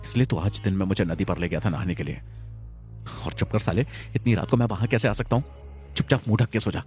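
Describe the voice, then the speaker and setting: A man's voice: deep voice, fast, faint music behind, lightly acted. A man voicing Arjun, a scared young village man who hides his fear behind teasing, talking to his friend in a Hindi audio story. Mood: jittery, teasing. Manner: tries to sound calm, teasing.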